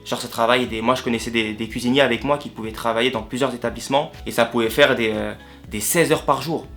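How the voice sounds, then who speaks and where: Fast-talking French man, slangy vlog chat. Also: medium pitch, fairly even intonation, a bit bright. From France. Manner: slangy, repeats and rephrases himself. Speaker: vlogger. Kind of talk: casual storytelling vlog. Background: faint guitar music.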